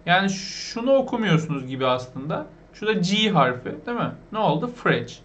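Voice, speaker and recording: A man with a Turkish accent teaching beginners English vocabulary, asking questions and repeating each word slowly. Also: high voice, big pitch swings, a bit bright, muffled recording. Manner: asks the viewers questions, repeats the words slowly.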